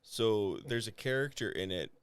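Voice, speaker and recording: A man, a comic writer, chatting in a podcast interview, telling stories in an animated, jokey way. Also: on the low side, normal speed, smooth, no room sound. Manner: animated, jokey storytelling with mock quotes.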